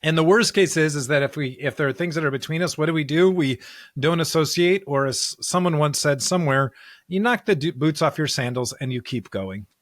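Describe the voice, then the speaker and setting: A male podcast co-host discusses scripture conversationally and earnestly, often posing rhetorical questions. His voice is on the high side and fairly quick, captured in clean studio sound without echo.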